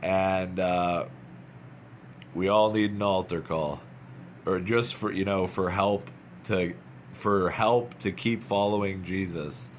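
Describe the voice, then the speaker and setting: Slow, earnest man urging, low voice. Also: steady tone, a little hiss or hum. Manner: earnest, urging, repetitive, halting. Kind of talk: informal devotional talk, unscripted.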